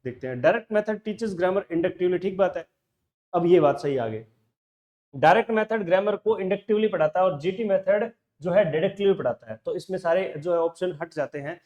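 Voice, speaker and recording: Male English teacher with a Rajasthani Hindi accent and a high voice, talking casually through test answers. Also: expressive, muffled recording. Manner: reads options slowly, then explains in a quick conversational mix of Hindi and English. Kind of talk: solving a test paper in a lecture.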